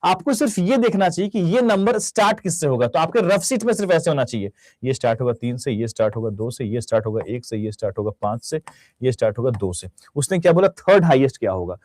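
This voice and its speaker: A man's voice: mid-range voice, fast, no echo. Young male Hindi-accented exam tutor, bouncy intonation, dry close studio sound. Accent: Indian Hindi. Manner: lively, talks straight to students, mixes Hindi with English phrases. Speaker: banking exam reasoning teacher. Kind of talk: recorded online lecture. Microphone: close studio mic.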